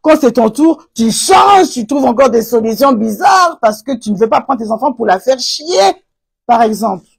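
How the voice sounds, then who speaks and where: A woman hosts a live chat about faith and couples, preaching with a fairly high, gravelly voice. Her tone is husky and rough at the edges. She keeps breaking into loud cries and slips in English phrases. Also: animated, normal speed. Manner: preachy, rises to loud exclamations and repeats "aïe". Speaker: live stream host answering viewer comments. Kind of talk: impassioned casual talk on faith and couples.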